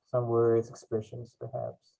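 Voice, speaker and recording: A man's voice: mid-range voice, completely flat delivery, unhurried, gravelly, mellow, dull audio. A man, hosting a casual online chat and prompting his guest with questions. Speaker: host.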